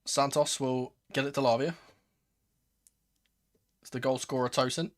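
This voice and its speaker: A man commentates on a live football match as a watchalong host. He talks casually like a fan, excitable in his reactions, moving between low-key play-by-play and raised exclamations. His pitch sits at an ordinary male level. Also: a little slow.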